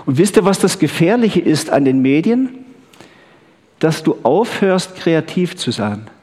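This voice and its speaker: A man's voice: a little high, sing-song, a little slow, darkish tone. A man preaching a chatty sermon, often checking in with the crowd with "gell?" and "ha?". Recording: long hall reverb.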